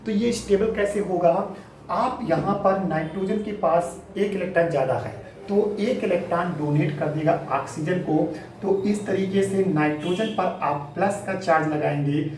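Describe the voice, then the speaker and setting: A man's voice: high voice, normal speed, darkish tone, recorded from a distance, a little hiss or hum. A man teaching chemistry in a classroom lecture, working through a reaction step by step, often asking rhetorical questions and calling students "beta". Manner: explains step by step, calls students 'beta'; checks understanding with rhetorical questions. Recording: echoey room, mic set back, faint ambience.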